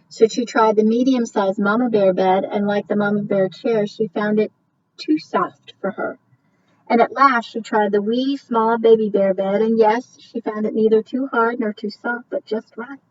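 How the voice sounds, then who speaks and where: A woman teacher reading a storybook aloud as a lesson, with expressive, drawn-out emphasis, then explaining story elements. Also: mid-range voice. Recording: distant, dull recording with faint hiss.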